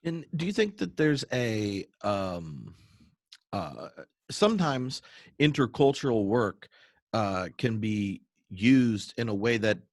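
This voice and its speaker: A man with a fairly low voice hosts a live online show, asking halting questions full of uhs and ums. The sound is dry and close. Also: dry recording. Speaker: podcast host. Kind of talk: live video-call interview.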